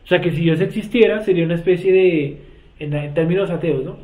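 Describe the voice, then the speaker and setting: Man, Bible class teacher, high voice, explains and questions students, echoey and phone-thin recording. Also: fairly quick. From Colombia. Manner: explains word meanings, often questions the class. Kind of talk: Bible study lecture. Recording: echoey room, tinny phone-like sound.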